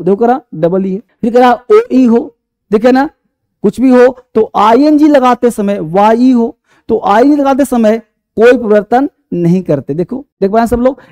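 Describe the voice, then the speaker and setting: An English teacher speaks to his class in a high, mellow voice. He quizzes the students, answers his own questions, repeats each point, and calls the students by affectionate names.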